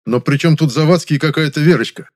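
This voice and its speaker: A man's voice: a little high, fast talker, voice pushed up, lightly acted. Man doing a defiant young film producer. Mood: firm.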